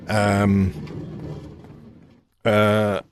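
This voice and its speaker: Low-voiced man musing over gameplay. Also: extremely slow, a little hiss or hum. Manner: relaxed, thinking aloud with many fillers. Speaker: gaming channel host. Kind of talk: casual gameplay commentary.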